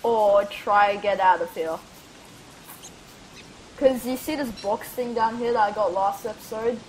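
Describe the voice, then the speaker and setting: Woman, gaming host, let's-play chatter, rambling, talks to herself, mid pitch. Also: unhurried, darkish tone, slight background noise, poor audio. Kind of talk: casual let's-play commentary.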